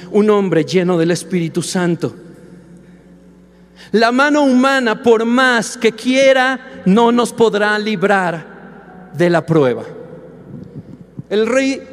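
A male preacher giving a sermon in a slow, emphatic style that rises to impassioned shouts. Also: high-pitched. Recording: long hall reverb, faint music.

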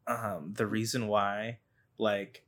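A man's voice: fairly low pitch, level tone, slow, fairly bright tone. Rambling young man co-hosting a podcast. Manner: rambling, laughs often, many fillers. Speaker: podcast co-host. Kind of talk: casual chat.

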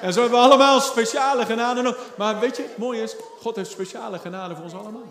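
A man preaching a sermon to a congregation, passionate, swinging between loud shouts and quiet, low passages. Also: fast, echoey room, a faint crowd, slight background noise. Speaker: pastor. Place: church service.

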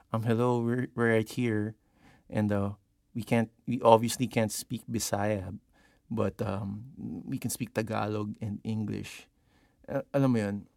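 A man's voice: lowish voice, creaky, no echo, clean studio sound. A Filipino-accented man musing in a casual, profane, rambling podcast monologue. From Philippines. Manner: rambling, profane, switches between English and Tagalog. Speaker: podcast host.

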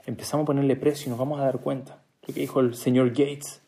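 Mellow-voiced man telling a sermon story. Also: medium pitch, little pitch movement, fast talker. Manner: storytelling, with joking asides to listeners; acts out quoted dialogue. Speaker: speaker giving a religious talk.

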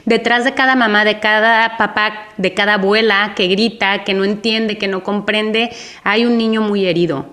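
A woman's voice: mid-range voice, fairly even intonation, moderate pace, fairly bright tone. A woman hosting a parenting podcast, speaking in a reflective, conversational way and affirming her guest. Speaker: podcast host.

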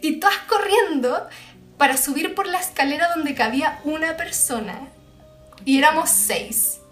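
A young woman with a Chilean accent tells a scary story in a casual chat, full of slang, playing out screams and quoted voices. Her voice sits high. The room echoes, with faint music behind her. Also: moderate pace, fairly bright tone. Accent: Chilean Spanish.

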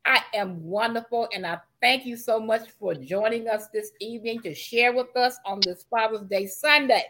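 A woman's voice: a little high, moderate pace, sharp tone. A woman hosting a podcast, introducing and questioning a guest in a conversational interview style. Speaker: podcast host.

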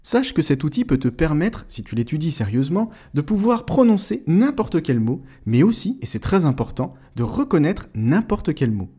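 A man explaining pronunciation in a scripted lesson, speaking directly to the listener in a clear, explanatory way. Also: a little high, sing-song, moderate pace, few pauses, warm tone. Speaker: language teacher.

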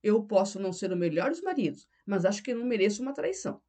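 A woman's voice: medium pitch, sing-song, fast, dark tone. A woman reading the lines of a tense husband in an audiobook, pressing his wife with accusing questions. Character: tense, pressing married man, middle-aged.

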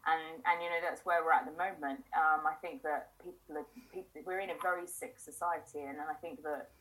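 A woman's voice: deep voice, fairly even intonation, fairly quick, a bit bright, low-quality recording. A woman hosting a conversational interview, talking earnestly and emphatically, often repeating words as she builds a point. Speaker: podcast host.

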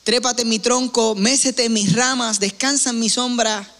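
A man voicing a gentle, loving old apple tree in a soft, unhurried way. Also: very high-pitched, fairly even intonation. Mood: tender. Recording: long hall reverb.

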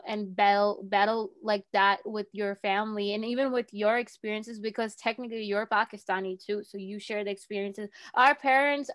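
A woman's voice: mid-range voice, a bit bright, dry recording. A young woman hosting a casual chat, talking freely with many fillers. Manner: chatty, frequent "like" fillers.

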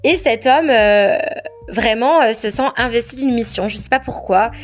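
A woman's voice: a little high, normal speed, faint music behind. A woman from France telling a personal anecdote in a candid, hesitant, conversational way. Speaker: storyteller. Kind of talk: personal anecdote told to camera.

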